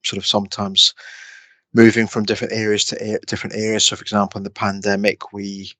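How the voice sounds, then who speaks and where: A man's voice: on the low side, completely flat delivery, fast talker, fairly bright tone, no echo. A middle-aged man from Scotland, answering interview questions with many restarts and fillers. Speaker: guest, respiratory consultant.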